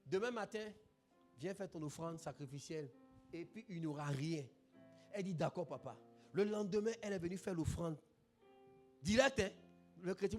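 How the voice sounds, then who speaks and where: High-voiced preaching man. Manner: animated preaching, bursts of shouting. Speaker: pastor. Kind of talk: sermon testimony. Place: church.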